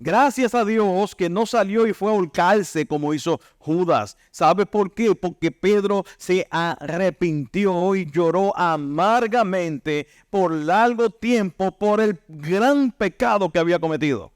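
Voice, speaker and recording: A man preaching a sermon as pastor, emphatic, firing rhetorical questions at the listeners and dropping low to read scripture. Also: slow pace, few pauses, dry recording, studio quality. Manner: emphatic, rising to punch lines then dropping low for scripture.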